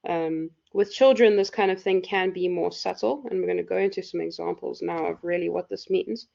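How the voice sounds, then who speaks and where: Woman lecturer, croaky and low-pitched, rambling live class talk. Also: steady tone, brisk, dark tone. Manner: loose, filler-heavy explaining. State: hoarse. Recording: dull lo-fi recording.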